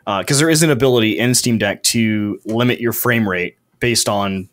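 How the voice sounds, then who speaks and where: A man hosting a casual gaming podcast, with a somewhat low voice. He rambles through the news, stacking fillers and restarting sentences as he goes. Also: moderate pace, a bit bright. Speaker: podcast host.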